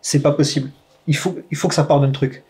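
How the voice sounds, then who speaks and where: Chatty man with a higher voice. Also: a little fast. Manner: relaxed, chatty, asks questions, uses fillers. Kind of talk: casual round-table chat.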